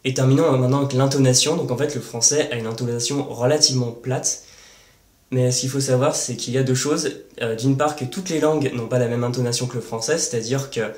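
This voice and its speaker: A man's voice: medium pitch, steady tone, a little fast, darkish tone. French man teaching in a roomy echo. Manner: didactic, with frequent "euh" fillers and worked examples. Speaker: language-learning channel host. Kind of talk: explanatory lesson to camera.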